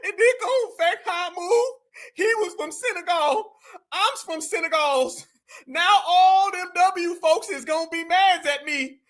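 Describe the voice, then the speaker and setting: A man's voice: very high-pitched, a little slow, fairly bright tone, pitched above the performer's own voice. A man doing a whimpering, scared woman. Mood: mock-tearful. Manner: mocking, tearful whine. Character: frightened whiny woman, a mocking impression.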